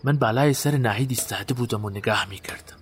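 An actor playing a guilt-haunted man recalling a night burial, in a halting, haunted way. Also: mid-range voice, background noise, lightly acted. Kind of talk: audio drama acting.

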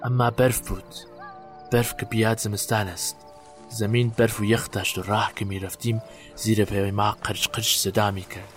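An actor playing a guilt-haunted man recalling a night burial, in a halting, haunted way. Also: lowish voice, level tone, faint music behind, close to an everyday voice. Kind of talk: audio drama acting.

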